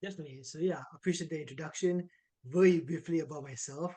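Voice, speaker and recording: A fast, husky, rather high-pitched voice belongs to an Israeli man in his twenties who coaches fitness online. In an interview he talks casually and with lots of energy, sprinkling in plenty of "like" and "right."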